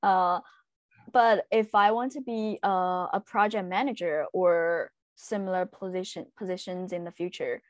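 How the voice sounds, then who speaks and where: A young woman from China with a Chinese accent speaks in a lowish voice, recorded dry and close with no echo. She is a translation student appearing as a guest, giving casual interview answers hesitantly, with frequent fillers and pauses.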